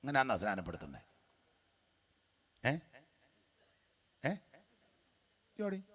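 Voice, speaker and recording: A man preaching a sermon as a pastor, animated and mocking, sometimes breaking into song. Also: mid-range voice, slow, breathy edge.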